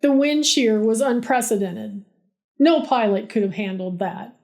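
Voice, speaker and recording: High panicky yelling man, put on by a woman, whiny, frantic, storytime voice. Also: unhurried. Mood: sulky. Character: panicky cocky boyfriend, adult man, whiny.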